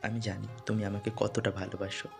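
Brief: actor as a middle-aged father, deep, tired and pleading, audio-drama style. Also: little pitch movement, brisk, vocal fry, faint music behind.

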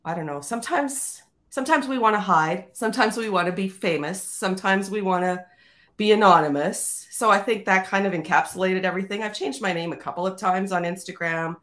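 Chatty guest from Canada, a woman with a mid-pitched voice, telling stories over a video call. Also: brisk, fairly bright tone. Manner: chatty, storytelling, many fillers. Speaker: guest, tech editor. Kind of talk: casual chat.

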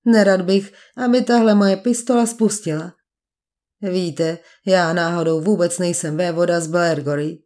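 A woman's voice: lowish voice, steady tone, a little mellow, voice pushed down, natural voice. A woman voicing a suave male villain posing as a duke, speaking with polite, mocking menace in an audiobook. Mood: smooth menace. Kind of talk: audiobook character voice.

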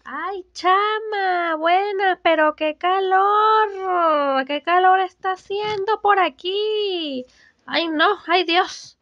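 A woman's voice: very high voice, a bit bright, no echo, full character voice. A young woman with a Venezuelan accent playing a chatty, gossipy young mother who sighs theatrically and drags out her complaints. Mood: dramatic. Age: young adult. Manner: drawn-out, theatrical, sighing "ay" complaints. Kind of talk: comedic student film acting. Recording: dull, dry, lo-fi.

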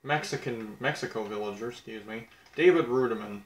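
A young man rattling off game eliminations in a blunt, crude, self-mocking way, his voice sitting at an ordinary middle pitch. The recording picks up a noticeably echoey room around him. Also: a little fast. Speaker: game commentator. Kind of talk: casual game commentary.

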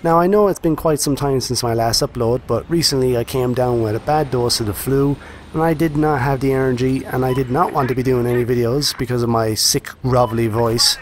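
Man, gaming host, casual review commentary, talks to viewers, mid pitch, faint background hum. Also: brisk. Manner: chatty, addresses viewers directly; earnest, repeats phrases for emphasis.

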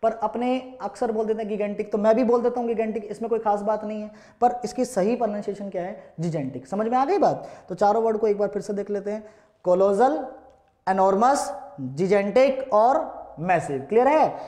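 A man's voice: sits high, normal speed, mellow. A man with an Indian accent teaching English vocabulary in an online lesson, asking the same question again and again and spelling words out letter by letter. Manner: drills words with repeated call-and-answer questions. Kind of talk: classroom-style online lesson.

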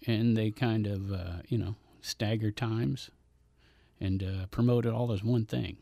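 A man co-hosting a casual radio chat, teasing the guests with a dry, drawn-out delivery. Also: lowish voice, fairly even intonation, creaky, warm tone, no echo. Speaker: radio co-host. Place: small radio studio. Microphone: studio boom mic.

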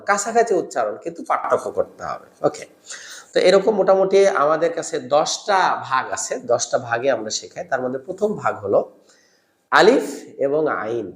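Bengali man teaching Quran pronunciation, echoey. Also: a little high. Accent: Bangladeshi Bengali. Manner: explains patiently, demonstrates sounds by repeating them slowly. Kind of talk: instructional lesson on Arabic letter pronunciation.

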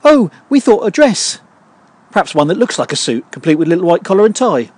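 A man voicing prim female reality-show contestants in a raised falsetto. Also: very animated, fairly quick, darkish tone.

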